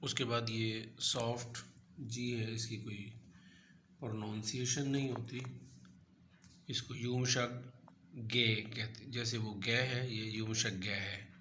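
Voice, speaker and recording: A man's voice: mid-range voice, steady tone, slow pace, bright, forceful tone, a little hiss or hum. A man teaching a language lesson, patiently going through letters one by one over a chart.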